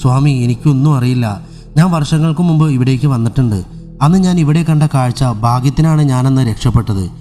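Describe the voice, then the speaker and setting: A man's voice: mid-range voice, brisk, faint music behind, lightly acted. A man doing a desperate, frightened grandfather. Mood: pleading. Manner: shouting, pleading.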